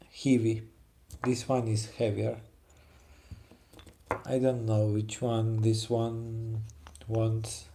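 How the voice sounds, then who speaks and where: A Polish woodcarver with a Polish accent and a dark, mid-range voice chats casually while carving. He keeps pausing to search for English words, and there is slight background noise.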